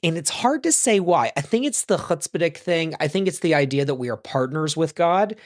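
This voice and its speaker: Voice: mid-range voice, expressive, a little fast. A rabbi teaching in a loose, chatty way, full of ums and self-corrections, who tells a joke and then explains it. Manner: tells jokes and explains them. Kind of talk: casual teaching talk.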